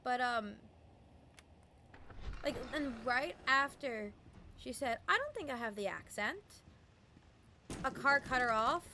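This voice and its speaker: A young adult game streamer speaks slowly in a high, animated, pushed and bright voice, pausing often during casual live-stream chat. The rambling talk is thick with "um" and "like" and playful voices and mimicry, against slight background noise.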